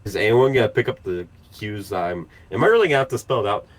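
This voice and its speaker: Low-voiced man ranting sarcastically. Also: animated, fast talker, low-quality recording. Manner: ranting, heavy swearing, sarcastic. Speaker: podcast host. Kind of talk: casual podcast banter.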